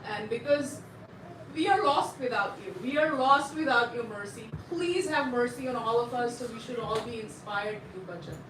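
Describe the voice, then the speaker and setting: A woman's voice: a little high, lively intonation, moderate pace. A woman in her fifties giving a devout tribute at a gathering, telling her memories with fond asides. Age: 50s. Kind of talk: personal testimony at a gathering. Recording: echoey room, distant mic, faint noise.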